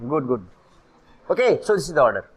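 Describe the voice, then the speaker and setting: A man's voice: on the high side, big pitch swings, takes it slowly. A male chemistry teacher giving a classroom lecture, mixing Hindi and English and constantly quizzing his students with questions.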